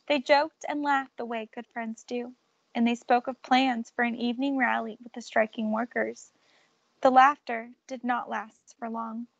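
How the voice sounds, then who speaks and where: A woman's voice: a little high, creaky, no room sound, lo-fi sound. A woman reading a picture book aloud, telling the story expressively and raising or dropping her volume for drama. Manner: expressive, shifts loudness for drama. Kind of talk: read-aloud storybook narration.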